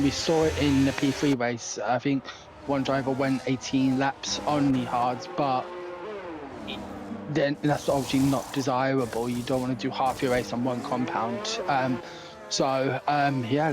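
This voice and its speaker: Male motorsport co-commentator with music behind. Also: medium pitch. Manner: motorsport commentator reasoning through tactics. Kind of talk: conversational sim racing commentary.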